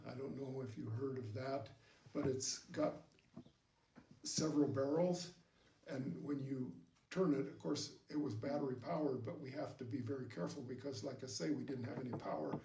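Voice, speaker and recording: An older man, a war veteran, recalling his memories in a halting, reflective way during an interview. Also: mid-range voice, vocal fry, mellow. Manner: old veteran remembering, halting and reflective, with long pauses. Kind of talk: recounting wartime memories in an interview. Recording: distant mic, roomy echo, background noise.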